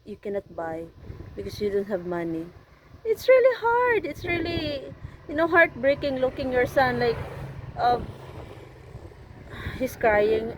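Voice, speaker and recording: A woman with a Filipino accent giving a personal interview outdoors by a road, earnest and halting in her English. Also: mid-range voice. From Philippines. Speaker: interviewee and channel co-host. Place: outdoors beside a busy road. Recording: clear traffic noise outdoors. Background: vehicles passing.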